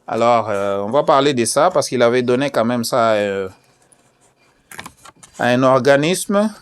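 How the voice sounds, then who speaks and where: Man from Congo, event host, halting filler-heavy promo delivery, repeats himself. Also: medium pitch, lively intonation, clear, resonant tone. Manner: many fillers and repeated phrases; hesitant, repeats key questions. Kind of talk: casual promotional talk with screen share.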